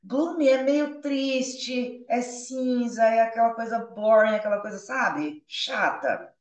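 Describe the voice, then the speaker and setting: A Brazilian woman teaching English, who reads each line slowly, then translates and explains it. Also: a little high. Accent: Brazilian Portuguese. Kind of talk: explaining a dialogue, switching languages. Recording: roomy, from a distance.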